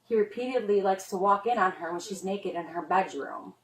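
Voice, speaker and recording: Captured on an officer's body camera, the recording is distant and roomy with slight background noise. A middle-aged woman, a mother, speaks briskly at medium pitch as she gives a police officer her statement. She rambles, sounding earnest and worried, and fills her speech with "like."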